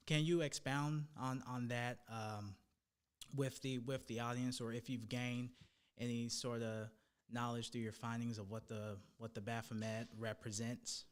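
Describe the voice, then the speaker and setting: A male podcast host with a mid-range voice asks his guest a question hesitantly. He stops and restarts often and fills the pauses with ums and uhs. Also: mid-range voice, flat delivery. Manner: hesitant, lots of fillers and restarts. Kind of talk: casual interview questions.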